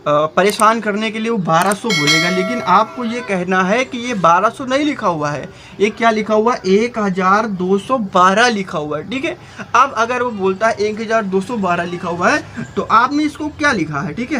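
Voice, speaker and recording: A man's voice: sits high, sharp tone, slight background noise. A male teacher explaining a math lesson, often asking rhetorical questions and checking in with a repeated "okay".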